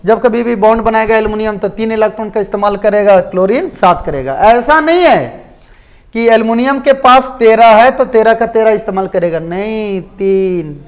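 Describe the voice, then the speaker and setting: Chemistry teacher asking and answering himself. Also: male voice, sits high, normal speed. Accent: Jharkhand Hindi. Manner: asks and answers own questions, repetitive check-ins. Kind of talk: classroom lecture.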